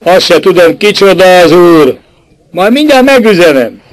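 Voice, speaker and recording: A man playing a cunning, mocking rich older gentleman who questions others sly and insistent. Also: high-pitched, big pitch swings, dry recording, voice pushed up, low-quality recording.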